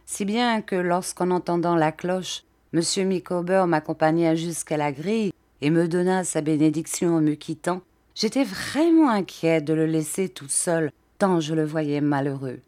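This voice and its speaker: A woman reading a classic novel aloud as an audiobook, with even, clear storytelling. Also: deep voice, unhurried. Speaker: audiobook reader.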